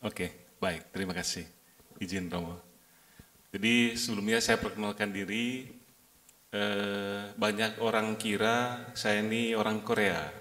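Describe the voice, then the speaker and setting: A young man from Indonesia speaking on a panel, sharing his experiences in a relaxed, chatty way with many fillers. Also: on the low side, unhurried. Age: young adult. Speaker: company director.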